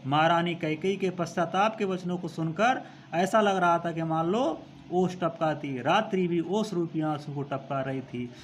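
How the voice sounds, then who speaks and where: A male teacher who recites lines of a poem slowly and then explains them, repeating phrases as he goes. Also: a little high, slight background noise.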